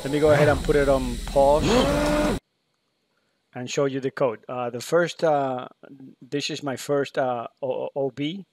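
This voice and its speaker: A man's voice: medium pitch, steady tone, a little slow, darkish tone, a little hiss or hum. A man explaining his programming in a screen-recorded tutorial, hesitant and full of fillers and restarts. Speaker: PLC programmer demonstrating code.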